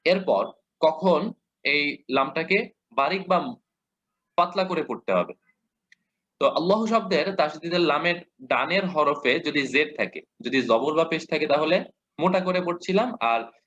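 A man with a Bangladeshi Bengali accent teaching a lesson, patiently repeating examples and modeling slow recitation. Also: on the high side, bright, forceful tone. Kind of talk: explanatory lesson. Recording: dull lo-fi audio.

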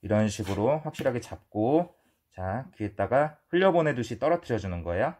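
Man, dog trainer, calm firm instruction, lively pitch. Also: a little hiss or hum. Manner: calm, firm coaching with drawn-out soothing praise to the dog. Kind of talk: hands-on training demonstration.

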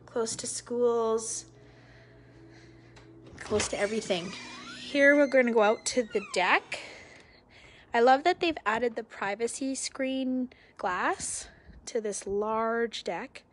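A woman, a real estate agent giving a live virtual tour, walking through a house and talking upbeat and admiring into a handheld phone. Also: on the high side. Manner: upbeat, admiring, slow and deliberate. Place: large house indoors, walking room to room. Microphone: phone held at arm's length.

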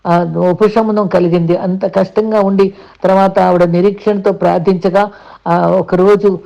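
Gravelly-voiced woman preaching a devotional sermon. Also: mid-range voice, fairly even intonation, measured pace, mellow. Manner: earnest, repeats and restarts words, addresses listeners politely. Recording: dull lo-fi recording.

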